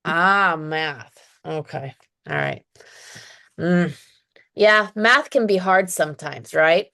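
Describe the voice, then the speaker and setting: Low, gravelly woman teaching online. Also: expressive, takes it slowly, pushed and bright. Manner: encouraging, chatty, laughs often. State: dizzy. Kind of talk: one-on-one online lesson chat.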